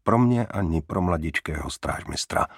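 A man narrating a first-person crime novel in a measured, wry way. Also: deep voice, animated, slightly rough, no room sound, clean studio sound. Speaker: audiobook narrator.

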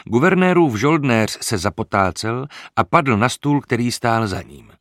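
Low-voiced man narrating an adventure audiobook. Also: fairly bright tone, no echo, studio quality. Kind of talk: scripted narration.

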